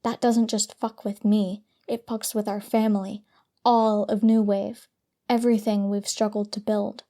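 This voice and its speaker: A woman's voice: medium pitch, level tone, a little slow, warm tone, close to an everyday voice. A woman voicing a sarcastic, stern teenage girl healer who lectures her sister.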